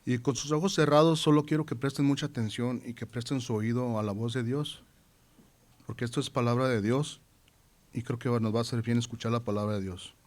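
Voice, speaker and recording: Earnest male preacher, mid-pitched voice. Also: fairly even intonation, brisk. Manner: earnest, repeats phrases for emphasis; reads scripture aloud with rising intensity. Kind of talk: sermon.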